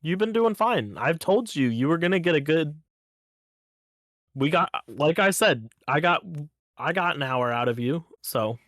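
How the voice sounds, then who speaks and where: A man co-hosting a podcast in casual chat, telling stories in an easygoing, teasing way with halting restarts. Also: fairly high pitch, animated, a bit bright, dry recording, studio quality. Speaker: podcast co-host.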